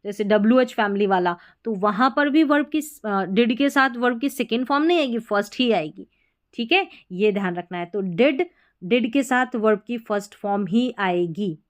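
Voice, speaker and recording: A woman teaching English grammar in a patient, explaining way, repeating key points and reading example sentences out slowly. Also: mid-range voice, animated.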